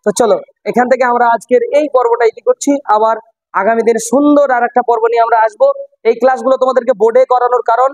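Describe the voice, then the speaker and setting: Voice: medium pitch, steady tone, rapid-fire, dry recording, low-quality recording. An English teacher runs a classroom lesson, repeating phrases and quizzing the students. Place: classroom with a board.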